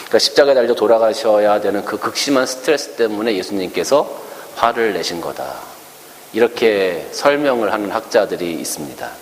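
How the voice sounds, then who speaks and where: A man's voice: fairly low pitch, expressive, a little fast. A male pastor giving a conversational sermon, asking his congregation rhetorical questions and acting out quotes in a raised voice. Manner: acts out quoted speech in a raised voice. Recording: long hall reverb with faint hiss.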